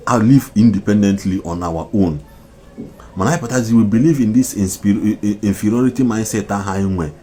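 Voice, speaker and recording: Deep-voiced man, impassioned commentary. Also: quick pace, mellow, a little hiss or hum. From Nigeria. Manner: mixes Igbo and English, repetitive, emphatic. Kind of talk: impassioned social media commentary.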